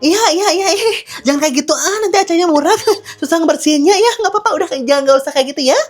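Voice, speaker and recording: A woman playing a chatty, kind-hearted young woman, scolding and teasing in an animated way for a comedy skit. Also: very high voice, fast talker, faint music behind. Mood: cheerful.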